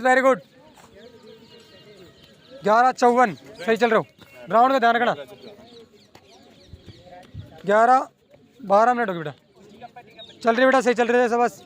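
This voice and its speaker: High-voiced coach calling out laps. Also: male voice. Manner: repetitive, encouraging shouts. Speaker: running coach. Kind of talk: calling out lap times and urging runners on. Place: outdoor running ground.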